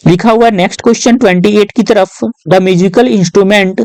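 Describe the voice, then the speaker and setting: A man tutoring students through exam questions in a patient, step-by-step way, often adding short tag questions and reading English lines aloud slowly. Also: high-pitched, fairly even intonation, a little mellow, no echo, poor audio. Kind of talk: exam-prep lesson walkthrough.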